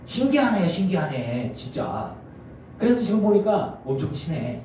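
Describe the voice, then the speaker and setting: A middle-aged male pastor preaching a sermon, animated and acting out family scenes in character voices. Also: sits high, slow pace, a little hiss or hum. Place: church sanctuary. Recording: echoey church from far off.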